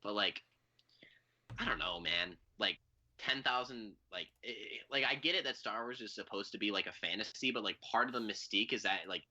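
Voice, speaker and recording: A man's voice: lowish voice, fairly quick, bright, forceful tone. A man co-hosting a podcast in casual chat, rambling with many fillers and a sarcastic edge. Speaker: podcast co-host.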